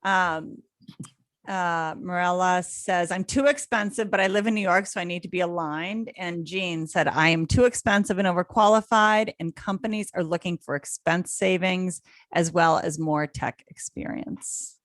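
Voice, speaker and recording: A middle-aged woman with a somewhat low voice co-hosts a webinar, reading viewers' comments and telling stories briskly. The sound is dry and close, with no room around it. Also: no room sound. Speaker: career coach co-hosting a webinar. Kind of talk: reading chat comments aloud.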